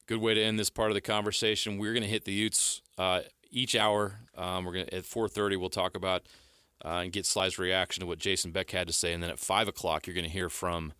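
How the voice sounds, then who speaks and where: Hosting a sports radio show in the studio, a man with a low, clear, resonant voice and a bright, forceful edge briskly steers segments and fires off news and injury reports. His pitch barely moves, and the close studio mic sounds dry.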